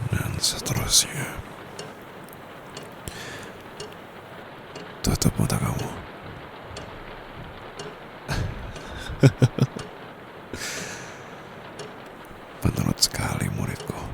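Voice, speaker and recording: Here the Indonesian-accented amateur actor gives a heavily acted turn as a dominant, seductive private tutor, whispering smugly right against a close condenser microphone in an ASMR roleplay. The tone is commanding and seductive; his voice is a very deep, gravelly, breathy murmur, delivered slowly and teasingly with drawn-out lines that fade into whispers. Background noise is clear on the recording.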